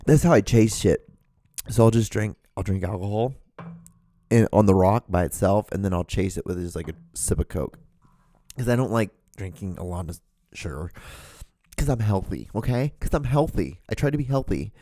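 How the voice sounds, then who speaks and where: A man from Honduras in his thirties runs a solo podcast from a home room, sitting in front of a camera at a studio mic with earphones in. He rambles casually, swears and keeps restarting, speaking at normal speed in a fairly low, expressive, warm voice. The recording is dry.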